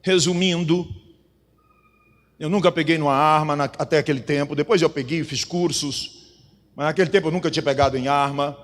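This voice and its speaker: A male pastor preaching with fervor, his voice sitting high for a man. He swings between loud, driving declarations and hushed testimony, and it rings with a long reverb through a church hall. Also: steady tone, a little fast. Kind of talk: sermon.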